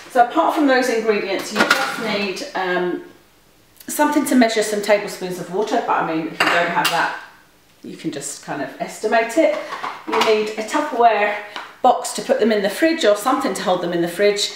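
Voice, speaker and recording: A woman's voice: medium pitch, expressive, normal speed, very noisy. A British woman chatting through a recipe in her home kitchen, her voice carrying a heavy room echo, with a rambling manner and plenty of ums. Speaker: cooking vlogger. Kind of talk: casual recipe demonstration. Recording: very echoey kitchen recording.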